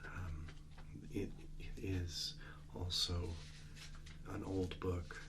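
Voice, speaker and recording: A man doing an ASMR role-play as a librarian, speaking in a hushed, halting, gentle way. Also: low-pitched, flat delivery. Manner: halting, unhurried delivery with gentle explanations. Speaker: ASMR host playing a librarian who shows old books to a visitor. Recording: noticeable background noise and ambience.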